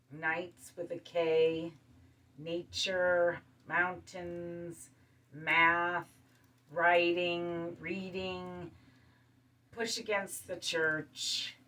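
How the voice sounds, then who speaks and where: A woman hosting her show, talking calmly in a casual monologue and listing things one by one. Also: lowish voice, recorded from a distance. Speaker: show host. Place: studio.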